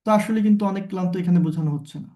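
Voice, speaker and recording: A man with a Bangladeshi accent giving an exam-prep lecture, explaining with rhetorical questions and reading English examples slowly and deliberately. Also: high voice, dark tone.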